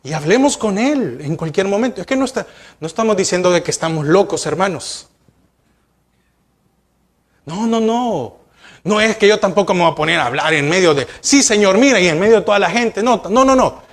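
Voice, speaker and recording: High-voiced preaching man. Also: animated, moderate pace. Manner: asks the congregation rhetorical questions; addresses listeners directly, urging them to look and listen. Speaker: pastor. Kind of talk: sermon.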